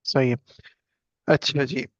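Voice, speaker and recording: A man's voice: medium pitch, fairly even intonation, slow, dry recording, muffled recording. A man teaching a casual screen-share computer lesson, chatting and joking as he clicks through steps. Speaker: instructor.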